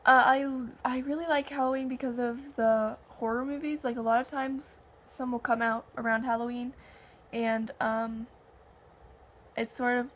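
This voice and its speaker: High-voiced young woman chatting casually. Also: moderate pace. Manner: animated anecdotes with heavy filler "like" and quoted dialogue. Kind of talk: casual chat.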